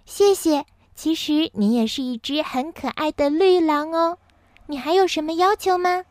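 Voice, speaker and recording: A woman's voice: sits high, normal speed, a little mellow, dry recording, clean studio sound, voice pushed up, lightly acted. A woman doing a sweet, flustered fairy. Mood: sweet coaxing. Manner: sweet, apologetic, coaxing. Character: kind, flustered female fairy, clumsy with magic.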